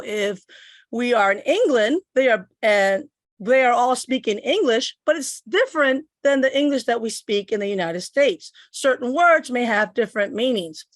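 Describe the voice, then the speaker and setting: With a fairly high voice, a middle-aged Puerto Rican woman leads a step-by-step instructional demo on her computer, describing each click as she goes. The recording, made on a computer microphone, is dry and studio quality.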